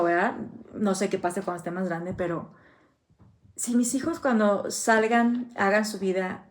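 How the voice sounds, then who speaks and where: A woman's voice: mid-range voice, darkish tone. A middle-aged woman with a Mexican Spanish accent, a thanatologist speaking in an earnest, anecdotal podcast monologue and acting out quoted dialogue.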